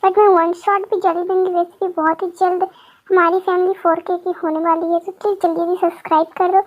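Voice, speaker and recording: A woman speaking directly to her viewers in a chatty, apologetic way. Her voice is very high. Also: level tone, a little fast, highs cut off. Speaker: fan story creator. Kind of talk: addressing viewers.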